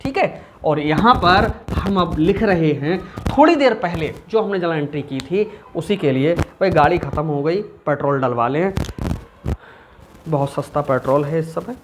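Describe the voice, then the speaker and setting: A man's voice: a little high, lively intonation, moderate pace. A male commerce teacher talks through an accounting lesson in an easy, chatty way. He keeps asking the class questions and then answering them himself. A faint hiss sits under the voice. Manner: chatty, asks and answers his own questions.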